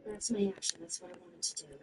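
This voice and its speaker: A woman's voice: lowish voice, fast. A woman playing in a tabletop game, speaking casually and hesitantly with many fillers. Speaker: player. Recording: distant mic, faint noise.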